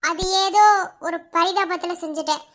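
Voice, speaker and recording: A woman's voice: very high-pitched, fairly even intonation, moderate pace, fairly bright tone. A woman voicing a young heroine in a cartoon love story, curtly and tearfully denying her feelings and telling him to leave. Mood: defensive. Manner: defensive, curt, dismissive.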